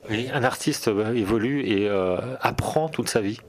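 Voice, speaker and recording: A man's voice: fairly low pitch, moderate pace, a little mellow. A man hosting a radio arts program, asking courteous, friendly questions with some fillers. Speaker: radio host. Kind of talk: radio interview.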